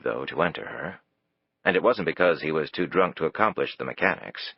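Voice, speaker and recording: Low, husky male narrator, measured scripted reading, dry and muffled recording. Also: no echo. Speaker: audiobook narrator. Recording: dull, dry, lo-fi.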